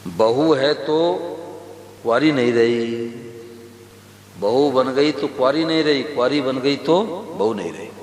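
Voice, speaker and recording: A man's voice: medium pitch, unhurried, long pauses, a little mellow. Male preacher in an echoey hall. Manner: storytelling with quoted dialogue, asks the audience questions. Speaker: religious preacher. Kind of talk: devotional sermon. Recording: echoey hall with faint hum.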